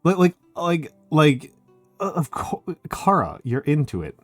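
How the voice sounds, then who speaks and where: Animated, rambling man in casual stream chat. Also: on the high side, a little slow, dry recording, soft background music. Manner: excitable, rambling, frequent laughing and filler "like".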